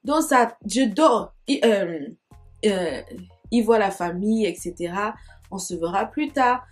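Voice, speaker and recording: A woman's voice: mid-range voice, animated, a little slow, faint music behind. A young woman telling a personal story in a chatty, digressive vlog manner, with sayings and asides. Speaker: storytime vlogger. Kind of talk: casual storytime monologue.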